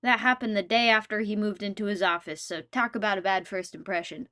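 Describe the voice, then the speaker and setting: A woman's voice: medium pitch, steady tone, fairly quick, pushed and bright. A woman narrating a comedic game video in a wry, playful, self-mocking way.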